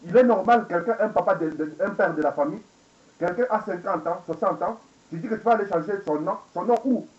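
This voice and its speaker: This is a forties-aged man whose high voice moves a little quickly as he delivers an angry, wandering monologue. He keeps repeating himself, asks rhetorical questions, and switches into English at times. The indoor webcam recording sounds echoey, dull, and low-fidelity.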